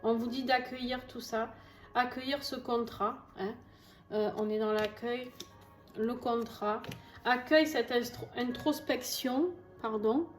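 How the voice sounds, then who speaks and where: Southern french lady doing a tarot reading, chatty, reassuring, kinda high voice, echoey room. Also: steady tone, measured pace. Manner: chatty, reassuring, frequent fillers and asides. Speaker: tarot reader. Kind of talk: casual tarot reading to camera. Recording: echoey room with faint music.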